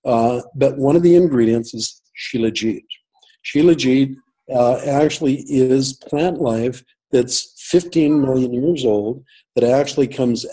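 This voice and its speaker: A man's voice: medium pitch, warm tone, breathy edge, rough recording. A man telling a long personal story as an interview guest over a call, rambling with many fillers and restarts. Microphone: call audio.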